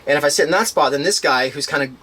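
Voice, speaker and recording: A man telling a long personal story in casual conversation, rambling with restarts and fillers, animated as he retells events. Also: a little high, rapid-fire. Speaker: interviewee.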